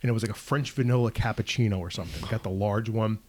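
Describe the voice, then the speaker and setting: A man's voice: on the low side, fast. A man hosting a podcast, a police officer telling funny stories in a casual chat and laughing at himself. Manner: animated, laughs at his own stories.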